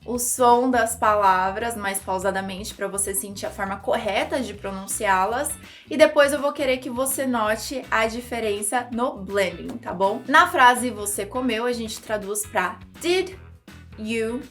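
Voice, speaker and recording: A young woman from Brazil teaches English in a chatty, upbeat way, breaking into playful voices to act out examples. Her voice sits high, and faint music plays behind her. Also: moderate pace, a bit bright. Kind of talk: YouTube English lesson.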